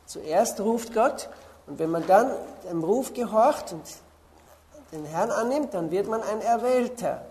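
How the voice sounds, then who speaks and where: A woman preaching a sermon, slowly stressing key words and pausing to look up Bible verses. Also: medium pitch, animated, warm tone, slight background noise.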